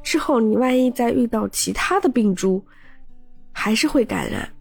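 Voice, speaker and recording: A woman's voice: on the high side, expressive, moderate pace, vocal fry, darkish tone, breathy edge, soft background music. A woman podcast host chatting casually and caringly to listeners, her voice slightly cracked and shaky from a throat still recovering. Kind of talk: casual personal chat to listeners.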